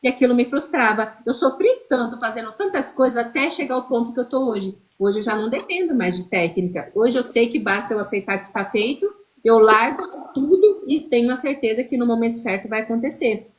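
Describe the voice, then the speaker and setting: A woman's voice: a little high, brisk, low-quality recording. A woman speaking as a guest in a casual chat, explaining ideas at length and acting out an inner doubting voice. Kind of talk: casual conversation.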